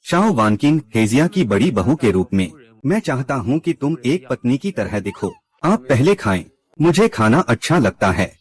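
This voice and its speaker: A male narrator runs through a short drama, delivering every character's lines in one scripted read. His pitch is mid-range and swings widely from line to line. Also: sing-song, normal speed. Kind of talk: scripted recap narration voicing all characters.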